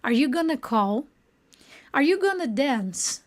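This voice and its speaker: A woman teaching an online English lesson. She often checks in with her students and slows down to model each English word. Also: sits high, very animated.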